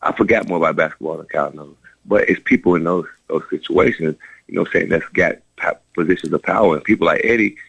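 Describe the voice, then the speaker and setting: A man's voice: low-pitched, quick pace, vocal fry, husky, no room sound, low-quality recording. A man, a former player, telling long stories in a radio interview with lots of restarts. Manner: rambling, animated, many restarts. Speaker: former college basketball player, guest.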